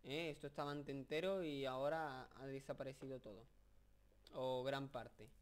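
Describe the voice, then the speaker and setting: A young man with a Spain Spanish accent giving casual, rambling video game commentary, joking and excitable, with many fillers. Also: mid-range voice, moderate pace, clean tone. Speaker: gameplay commentator.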